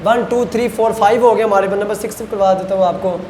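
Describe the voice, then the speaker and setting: A male lecturer teaches Chinese words, slowly repeating each pronunciation several times. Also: high voice, steady tone. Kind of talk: recorded university lecture. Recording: roomy echo, faint background noise.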